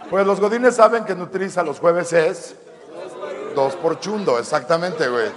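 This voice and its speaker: A stand-up comedian with a casual, slangy, laid-back delivery. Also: male voice, high voice, in a large hall. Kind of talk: stand-up set.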